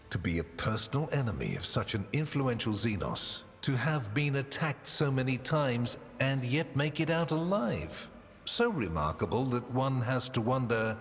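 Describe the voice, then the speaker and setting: An actor playing a cold, pious, accusing Lord Inquisitor in a video game, speaking with soft, insinuating menace. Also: male voice, fairly low pitch. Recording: long reverb, music behind.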